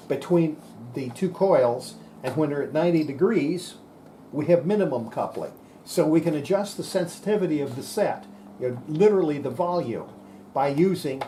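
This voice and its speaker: Here a man with a mellow voice, pitched a little high, shows off radio equipment while thinking out loud. His hands-on technical explanation is informal, folksy, and plain-spoken, with slight noise in the background.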